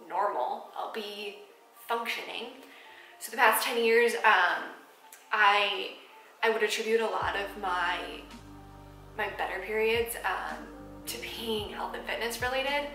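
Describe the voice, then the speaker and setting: A woman in her twenties films a personal vlog to camera in an echoey apartment room. Her medium-pitched voice has a sharp tone, and she speaks emotionally and candidly with lots of ums.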